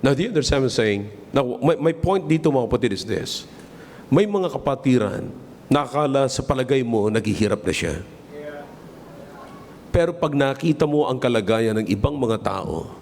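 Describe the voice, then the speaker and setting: A man's voice: mid-range voice, animated, moderate pace, darkish tone. A man, a pastor preaching a sermon and telling stories, mixing Tagalog with English and repeating words for emphasis. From Philippines. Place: church hall. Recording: long church reverb, faint room ambience.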